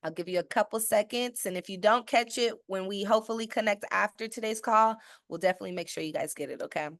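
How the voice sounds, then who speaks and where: A woman's voice: medium pitch, fast talker, dry recording, clean studio sound. A woman, a financial educator, giving a persuasive webinar presentation with emphatic points and rhetorical questions, often checking in with "okay?". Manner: checks in with listeners with a frequent "okay?". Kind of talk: sales-style webinar presentation.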